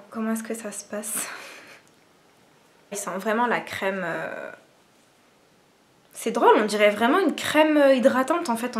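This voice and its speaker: A young woman from France talks to her camera at home in a casual, rambling vlog, full of fillers and self-mocking asides. Her voice sits a little high. A faint noise runs under the recording. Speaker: beauty vlogger. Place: at home indoors. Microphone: camera propped on cushions.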